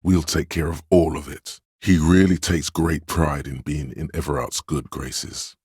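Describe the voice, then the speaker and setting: For a video game, a male voice of inner authority speaks extremely deep and very smooth, a little mellow, with a steady tone. The exaggerated delivery is haughty, pompous and measured, a stern narrator expecting obedience, recorded close and dry without room sound.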